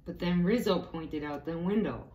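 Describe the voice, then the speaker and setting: A warm, fairly low-pitched woman reads a storybook to young children at normal speed, expressive and pausing for small explanatory asides. The room echoes, and faint background noise can be heard.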